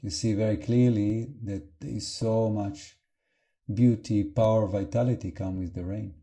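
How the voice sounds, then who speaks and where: A teacher leads an unscripted guided meditation in a calm, gentle manner, speaking in halting phrases separated by long pauses. His voice is lowish.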